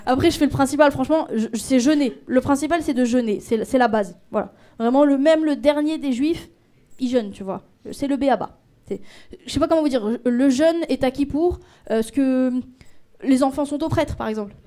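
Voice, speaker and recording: A woman's voice: high-pitched, brisk, dark tone. A woman doing stand-up at a comedy club, rambling and hesitant with self-mocking asides. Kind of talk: stand-up monologue.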